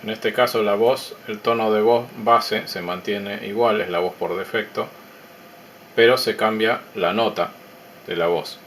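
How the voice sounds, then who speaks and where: A man walks through his electronics project in a calm, measured, explanatory tone and pauses between ideas. His voice sits a little low. A faint hiss runs behind him. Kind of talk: technical demo narration.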